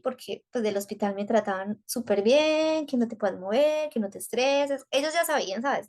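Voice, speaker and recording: A young woman recounts a personal story in a rapid, animated flow. Her voice sits a little high, and she keeps repeating herself and voicing her own inner thoughts as quoted speech. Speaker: guest, mother.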